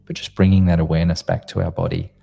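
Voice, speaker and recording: A man leading a guided meditation in a slow, gentle, soothing manner, like a sleep story narrator, in short spaced phrases. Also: deep voice, very animated, vocal fry. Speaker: meditation guide, host of a live group session.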